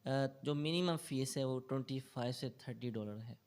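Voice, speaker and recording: Here a Pakistani Urdu-accented man, a Quran tutor, responds to interview questions in a clean, darkish, medium-pitched voice. His recitation is a slow melodic chant, and he walks through tajweed patiently, dropping in English loanwords.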